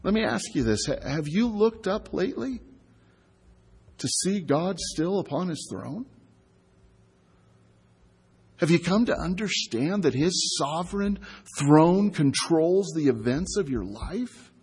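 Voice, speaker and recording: A man preaching a sermon in a conversational style, asking his listeners rhetorical questions and slowing down to stress key words. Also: fairly high pitch, lively intonation, darkish tone, breathy edge, in a large hall. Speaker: pastor.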